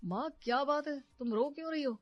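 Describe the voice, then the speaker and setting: A woman's voice: high voice, brisk, no echo, dull audio, voice pushed up, natural voice. Woman voicing a firm young son. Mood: worried. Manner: firm, indignant. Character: young grown son, firm and protective of mother.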